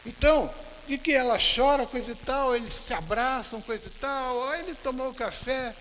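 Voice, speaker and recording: High-voiced Brazilian man lecturing in a hall. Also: sharp tone. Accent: Brazilian Portuguese. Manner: retells anecdotes, slows down to stress teachings. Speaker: lecturer at a spiritist center. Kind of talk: religious talk with storytelling. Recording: hall reverb with faint hiss.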